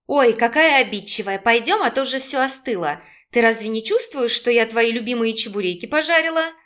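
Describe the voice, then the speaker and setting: A woman voicing a gentle caring older sister. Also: a little high, lively intonation, brisk. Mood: warm teasing. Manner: gentle, modest.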